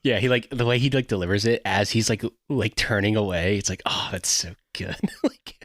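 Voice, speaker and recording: A man with a lowish voice is a guest on a film podcast. He chats easily and jokes as he talks, often laughing between words. The sound is dry, close and free of room echo. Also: a little fast. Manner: laid-back, joking, laughs between words. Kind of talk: casual podcast chat about a film.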